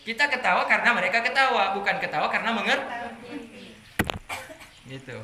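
A man preaching a religious study sermon to a group of women, telling lively stories and jumping higher in pitch for anecdotes. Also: brisk. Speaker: Islamic preacher. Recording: echoey room with background noise.

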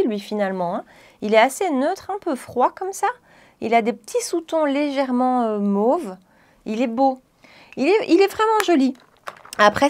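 A woman beauty vlogger chatting casually to camera, gushing and chatty, with frequent fillers. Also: a little high.

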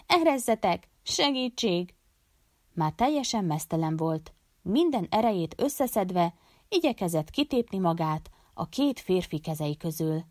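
A woman narrating an audiobook in a steady, measured reading voice. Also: on the low side, dry recording, studio quality. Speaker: audiobook reader.

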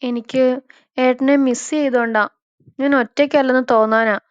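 A woman's voice: high voice, fairly even intonation, normal speed, smooth, dry recording, voice pushed up, lightly acted. A woman voicing a lonely young woman who sulks and pouts like a child, on a slightly dull, dry recording. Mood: pouting. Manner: soft, sulky and childlike.

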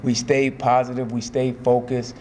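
This is a forties-aged head basketball coach at a post-game press conference, talking into microphones on the table in front of a sponsor backdrop. His pitch is medium, his pace measured and even, and his speech is peppered with fillers and repeated phrases. Slight background noise is present.

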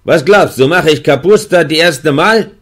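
A man reading an audiobook voices a gruff, curt prison guard who barks in broken German. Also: medium pitch, expressive, measured pace, fairly bright tone, pitched above the performer's own voice. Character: gruff middle-aged male Polish prison guard. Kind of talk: audiobook character voice.

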